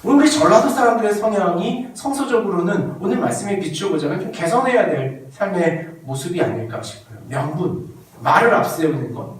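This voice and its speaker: Male pastor, high and lively delivery, sermon, distant mic, very reverberant church hall. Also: a little fast. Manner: animated, playful storytelling with quoted voices. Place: church sanctuary.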